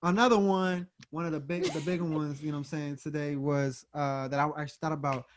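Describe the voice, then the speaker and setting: A man's voice: on the high side, fairly even intonation, fast. A man co-hosting a podcast, talking in a laid-back, slangy way with lots of fillers. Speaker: podcast co-host. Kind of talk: casual chat.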